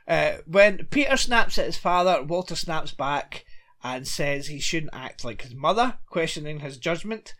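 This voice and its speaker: A man talking in a casual, rambling way, with a voice that rises and falls a lot. He is quick to laugh and moves from one point to the next as he goes. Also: a little high, a bit bright. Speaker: podcast co-host. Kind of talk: casual recap chat.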